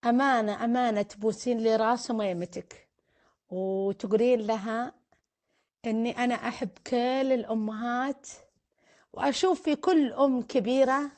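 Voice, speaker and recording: Chatty woman, higher voice. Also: a little mellow. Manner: chatty, teasing, offers blessings and prayers. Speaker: family counselor hosting a live stream. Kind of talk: casual live-stream chat reading viewer comments.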